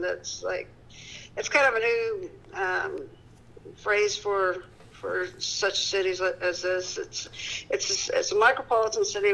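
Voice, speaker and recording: A woman's voice: medium pitch, gravelly, fairly bright tone, poor audio. A woman in her fifties from Indiana, a city council candidate chatting over the phone in a rambling, self-correcting way. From Peru, Indiana. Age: 50s. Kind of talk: casual phone chat. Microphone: telephone.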